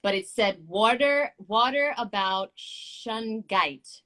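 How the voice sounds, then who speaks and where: A woman in her thirties hosting a casual live-stream chat, excitable and quick to laugh, swearing casually. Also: on the high side. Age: 30s. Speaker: show host.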